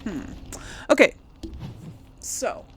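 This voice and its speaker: A woman streams a video game, casually chatting and thinking out loud as she plays and hosts. She speaks extremely slowly, with a fairly bright tone. Game sounds can be faintly heard behind her.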